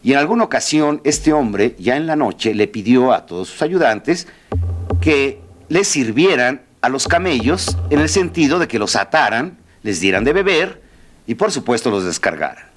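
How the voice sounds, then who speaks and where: A man's voice: mid-range voice, moderate pace. A man giving a motivational talk, telling a story and speaking straight to the audience. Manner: animated, addresses the audience directly.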